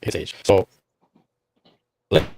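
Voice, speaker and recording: A man's voice: darkish tone, no echo. A man hosting a casual chat over a video call, his connection breaking up so his speech drops out and trails off. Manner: halting, trailing off mid-sentence. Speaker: host.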